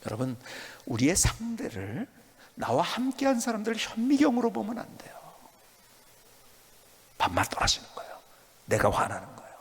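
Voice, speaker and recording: A male pastor preaching a sermon, emphatic and animated, at times dropping to a soft whisper. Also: sits high, vocal fry, slightly rough, big-room sound.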